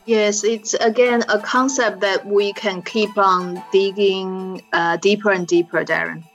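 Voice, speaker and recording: A woman co-hosting a podcast, explaining things conversationally and pausing to find her words. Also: medium pitch, steady tone, faint music behind. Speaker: podcast co-host explaining Chinese culture. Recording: muffled, dull podcast audio.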